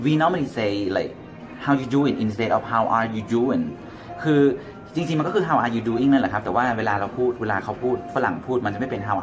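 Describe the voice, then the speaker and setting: Thai man teaching casual English phrases. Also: medium pitch. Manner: switches between English and Thai, acts out example phrases. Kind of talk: casual language lesson.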